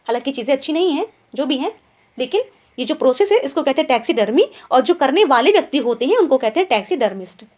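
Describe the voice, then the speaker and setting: A woman's voice: high voice, very animated, quick pace, darkish tone. A young woman teaching an online English vocabulary lesson, explaining in Hindi mixed with English words and checking in with her students after nearly every point. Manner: keeps asking quiz questions and tag checks like "ठीक है?".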